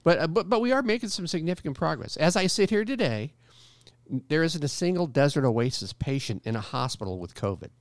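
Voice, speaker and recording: A man's voice: fairly high pitch, lively intonation, brisk, dry recording. A man, co-hosting a talk show and giving an upbeat, joking health update with frequent restarts. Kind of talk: casual chat.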